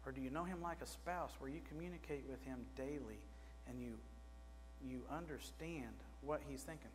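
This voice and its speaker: A man's voice: medium pitch, normal speed, soft background music. A middle-aged man preaching a sermon in a small church, speaking conversationally and putting questions to the congregation from the pulpit. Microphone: pulpit microphone. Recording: reverberant church with faint mains hum.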